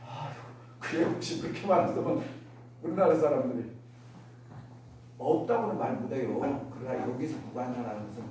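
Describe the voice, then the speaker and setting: A woman's voice: extremely low pitch, moderate pace, long pauses, warm tone, recorded from a distance. A woman minister giving a dharma talk to her congregation, often asking them rhetorical questions and acting out everyday remarks. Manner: acts out everyday remarks in other voices. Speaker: Won Buddhist minister. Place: worship hall. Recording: echoey hall, miked from afar, faint noise.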